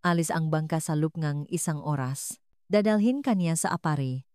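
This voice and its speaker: A woman narrator voicing a kindly hushed older woman. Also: sits low, normal speed, clean tone, no room sound, studio quality, lightly acted. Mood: urgent. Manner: hushed, soothing. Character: kind older woman sheltering a runaway girl.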